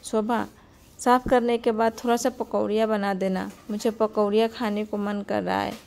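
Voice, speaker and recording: An elderly mother-in-law from a poor household in a cartoon story, as a woman narrator puts her on. She speaks in a plain, homely voice at a middle pitch, without any strong character effects. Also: level tone, moderate pace, creaky, darkish tone, close to an everyday voice.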